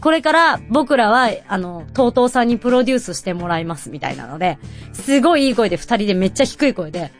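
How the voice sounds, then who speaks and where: A woman hosting a radio show, telling stories in a bubbly, chatty way and acting out quoted voices with high squeals. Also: big pitch swings, fast, soft background music. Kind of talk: casual chatty storytelling.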